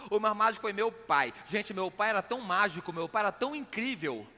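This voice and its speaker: A man's voice: sits high, lively intonation, a little fast, bright, forceful tone. A man with a Brazilian accent from Minas Gerais giving comic stage talk as a conversational showman who repeats words for emphasis. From Belo Horizonte, Brazil. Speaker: magician, comedian and motivational speaker. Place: on stage in a hall. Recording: reverberant hall sound.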